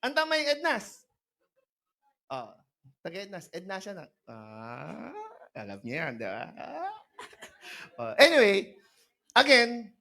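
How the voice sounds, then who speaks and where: A man's voice: high voice, sharp tone. A man from Pangasinan giving a comedic motivational sales talk, joking with and teasing the people in front of him. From Pangasinan, Philippines. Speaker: presenter at a business opportunity seminar. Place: in front of a live audience.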